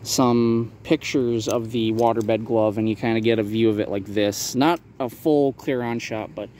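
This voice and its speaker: A man with a medium-pitched voice talks through a casual showcase vlog. He explains details in a halting way, often qualifying what he says. Ambient noise is clearly audible behind him. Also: fairly even intonation, darkish tone. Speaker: maker showing a handmade prop replica for sale.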